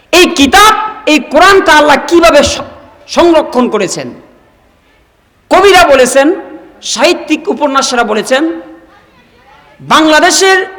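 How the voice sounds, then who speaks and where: A man from Bangladesh, preaching a sermon and firing quick questions at the crowd. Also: very high-pitched, fairly bright tone, big-room sound, poor audio.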